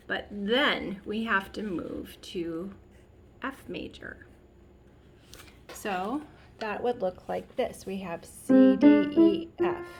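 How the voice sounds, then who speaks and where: Patient woman teaching piano, slow-spoken. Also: mid-range voice, slight background noise. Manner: patient, counts and half-sings beats aloud. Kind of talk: step-by-step piano lesson. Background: piano played along.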